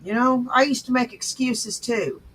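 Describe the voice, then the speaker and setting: A woman's voice: fairly high pitch, a bit bright, slightly rough, low-quality recording. A woman commenting on a clip in a blunt, scornful and sarcastic way. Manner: scornful, sarcastic, slow and deliberate. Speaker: commentator reacting to clips.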